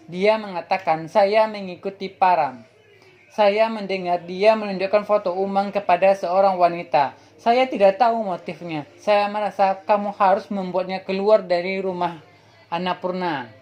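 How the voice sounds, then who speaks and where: A woman reading an episode synopsis aloud in a plain, steady way, now and then stumbling over a word. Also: medium pitch, normal speed. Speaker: channel host summarizing a TV serial.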